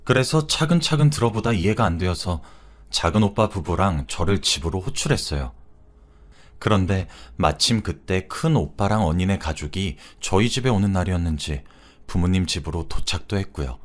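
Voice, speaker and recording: Low-voiced man narrating a story. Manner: calm first-person storytelling.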